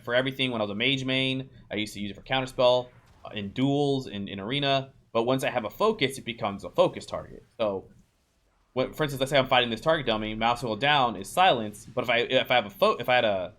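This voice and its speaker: A man's voice: mid-range voice, fairly bright tone. Chatty man walking through game settings. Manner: loose and chatty, many ums and restarts, talks to viewers as "you guys". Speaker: game guide creator and streamer. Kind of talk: casual gameplay tutorial voice-over.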